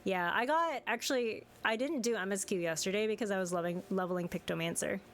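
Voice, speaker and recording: A woman's voice: mid-range voice, fast, slight background noise. A woman livestreaming a game in a cute, bubbly anime-streamer way, chatting casually and greeting viewers effusively. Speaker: VTuber streamer. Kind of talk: casual livestream chat over a video game. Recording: game music behind the voice. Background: game music.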